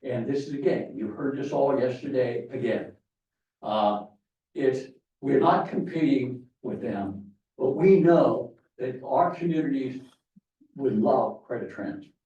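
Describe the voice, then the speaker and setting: Speaking in a medium-pitched, dark voice, this conference speaker is animated yet unhurried as he rambles through his talk with plenty of fillers and false starts. The audio comes from far off in an echoing hall and sounds dull.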